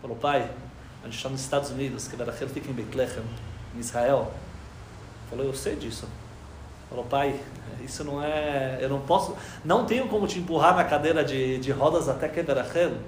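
A man telling a long religious story to an audience. He acts out each character's lines, dropping to a hush and then rising to loud cries. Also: medium pitch, echoey room, a little hiss or hum. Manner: lively storyteller, acting out dialogue with quoted voices, swings from hushed to loud.

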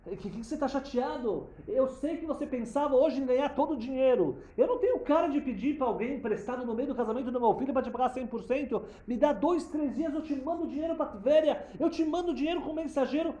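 A man's voice: fast talker, hardly any pauses, warm tone. A man voicing an earnest, apologetic father of the groom who pleads in a raised voice. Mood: pleading. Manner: high, pleading and insistent. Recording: roomy echo.

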